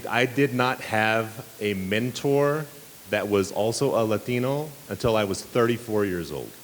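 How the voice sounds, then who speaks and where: Earnest man speaking in a reverberant hall. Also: on the low side. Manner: earnest, many fillers and restarts. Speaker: banquet speaker. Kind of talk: speech to students. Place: banquet hall. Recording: reverberant hall with faint hiss.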